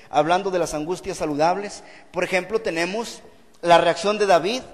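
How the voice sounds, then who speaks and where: Earnest pastor preaching in a hall. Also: male voice, high-pitched. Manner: earnest preaching, repeating phrases for emphasis. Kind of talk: sermon. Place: church hall.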